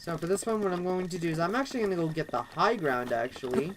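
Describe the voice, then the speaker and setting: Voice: mid-range voice, animated, fast talker. Rambling let's play commentator, noisy mix. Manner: rambling, leans on "actually" and "kind of". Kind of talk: casual gameplay commentary.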